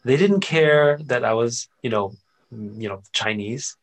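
A middle-aged man from Austria, speaking as an interview guest in an animated, conversational way, often checking in with "right?" and "you know.". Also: mid-range voice, measured pace.

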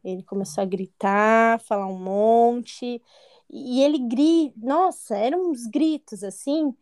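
An interview guest in her twenties candidly shares a personal story, often acting out what other people said. Her voice is a little high with a darkish tone, and she speaks slowly.

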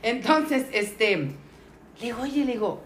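Slow-paced and a little high in pitch, the middle-aged woman with a Mexican accent tells a story on a podcast, casually and with liveliness, voicing the people she describes. Crowd noise can be heard, and the recording is roomy with faint noise.

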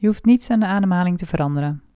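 A woman leading a guided body scan meditation, speaking slowly and softly with long pauses. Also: lowish voice, smooth, dry recording, studio quality. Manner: slow, soft and calm with long pauses.

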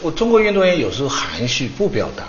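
A man commenting on a studio talk show, retelling stories in an expressive, animated way. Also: a little high, fast talker, roomy sound, highs cut off, slight background noise.

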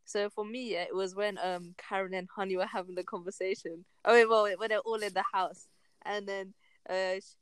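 A young woman co-hosting a podcast, chatting in slang, rambling and steering the topics. Her voice sits at a middle pitch and sounds dry and close. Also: fairly even intonation, a little fast, smooth, no echo. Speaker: podcast co-host. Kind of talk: casual chat.

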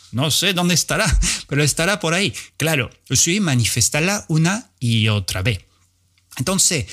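Slangy, animated man. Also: mid-range voice. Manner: animated, slangy, swears freely. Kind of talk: casual motivational monologue.

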